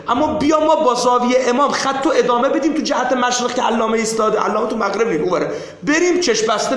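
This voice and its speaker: A man with a fairly high voice leads a seminary class discussion, pressing his explanation and repeating himself to drive points home. The room around him is roomy and echoing. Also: fairly bright tone. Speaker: teacher.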